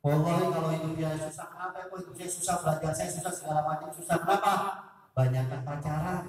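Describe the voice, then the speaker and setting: Man, high voice, casual religious talk to students, rhetorical questions, echoey hall, far from the mic. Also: steady tone, quick pace. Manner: chatty, asks the audience rhetorical questions. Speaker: Islamic speaker at a school talk. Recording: echoey hall, voice picked up from a distance.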